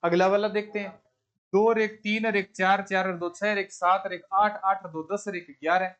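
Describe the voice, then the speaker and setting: High-voiced male Hindi teacher. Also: level tone, moderate pace, fairly bright tone, clean tone. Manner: repeats questions to students and answers them himself; counts syllable beats aloud step by step. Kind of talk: exam-prep lesson explaining verse meter.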